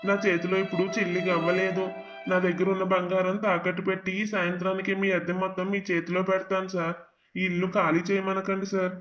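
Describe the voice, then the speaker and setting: A man's voice: high voice, monotone, quick pace, lo-fi sound, over music, natural voice. Man playing a pleading young husband. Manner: pleading, polite. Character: humble, desperate young husband. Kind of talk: animated cartoon voice acting.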